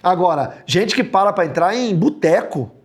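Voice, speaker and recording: Animated, gravelly pastor. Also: male voice, moderate pace. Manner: animated, joking, jumps into high mocking tones. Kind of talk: humorous Bible study teaching.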